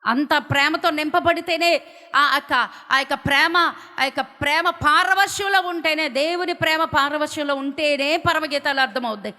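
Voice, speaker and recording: A woman preacher from India giving a fervent sermon, swinging from loud declarations to hushed, pleading lines. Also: high-pitched, moderate pace. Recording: long hall reverb.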